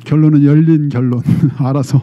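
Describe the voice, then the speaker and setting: Male pastor, middle-aged, dramatic sermon delivery with a high, dark-toned voice. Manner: animated, dramatic retelling with frequent "eh?" prompts to the congregation.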